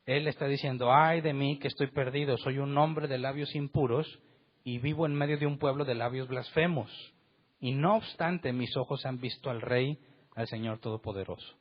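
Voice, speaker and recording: A husky-voiced man delivering a church sermon, pressing his points with rhetorical questions and acting out the voices in the passages he reads. The recording is dull and lo-fi. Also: medium pitch, steady tone, moderate pace. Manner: emphatic, rhetorical questions, acts out quotes. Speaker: pastor. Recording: dull lo-fi sound.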